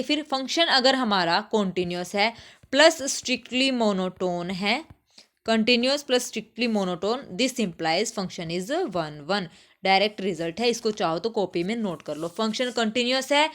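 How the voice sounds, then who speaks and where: Woman tutor walking through exam problems, prompting with questions and dictating formulas slowly. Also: mid-range voice, fairly bright tone. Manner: slows right down when dictating formulas, asks rhetorical questions. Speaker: math teacher. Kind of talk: exam solution lecture.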